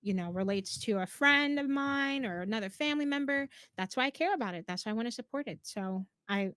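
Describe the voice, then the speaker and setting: A woman's voice: on the high side, lively intonation, a little fast, a bit bright, dry recording. A woman hosting a casual interview, upbeat and enthusiastic, often laughing. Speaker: interview host.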